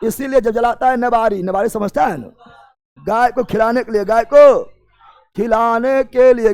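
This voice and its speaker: A man teaching a chemistry class, drilling students with repeated call-and-response questions and often raising his voice. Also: very high-pitched.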